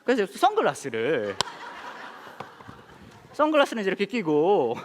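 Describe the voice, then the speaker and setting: A man's voice: high voice, normal speed, background noise. A male pastor telling a comic story to an audience, acting out the voices of the people in it. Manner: animated, acts out every voice. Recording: long hall reverb.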